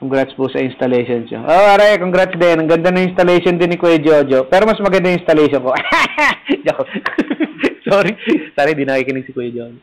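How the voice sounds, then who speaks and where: Playful priest, light higher voice. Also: male voice, quick pace, low-quality recording. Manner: playful, teasing, laughs at own jokes. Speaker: parish priest. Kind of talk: casual livestream chat reading viewer comments. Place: rooftop garden, third floor.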